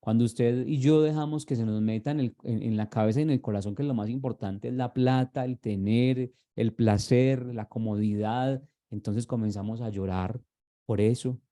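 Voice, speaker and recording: A man's voice: mid-range voice, fairly even intonation, moderate pace, dark tone. A man, preaching a sermon as a pastor, earnest and repeating his words as he fires rhetorical questions at the congregation.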